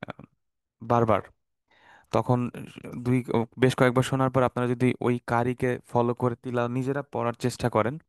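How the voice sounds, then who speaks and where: A Quran Arabic teacher from Bangladesh gives an online class lecture in a dry room. His medium-pitched voice is smooth and the recording is dry, and he explains in a relaxed way with fillers and asides.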